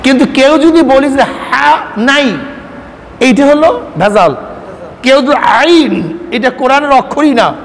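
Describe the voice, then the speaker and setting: High voiced preacher guy, argues and quizzes the crowd, big echoey hall, faint hiss. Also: a little slow. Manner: argumentative, asks the audience questions and mocks critics. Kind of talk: sermon. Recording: faint noise, long hall reverb.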